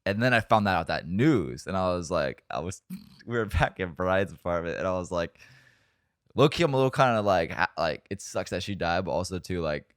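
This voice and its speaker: A man's voice: low voice, moderate pace, fairly bright tone, clear, resonant tone, no room sound, clean studio sound. A young man co-hosting a podcast, telling a long story in a rambling, profane, laughing way. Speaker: podcast co-host. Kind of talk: casual storytelling chat.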